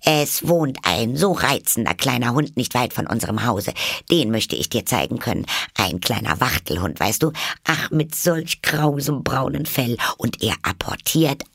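A man's voice: fairly low pitch, lively intonation, measured pace, vocal fry, fairly bright tone, breathy edge, dry recording, studio quality, heavily acted. A man voicing an eager, polite little girl in a storybook reading, chattering anxiously and apologizing.

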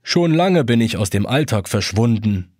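A man voicing a sad old male hourglass, with a hollow voice and a slow, reproachful, gentle way of talking. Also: on the low side, expressive, no echo, studio quality. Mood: sorrowful.

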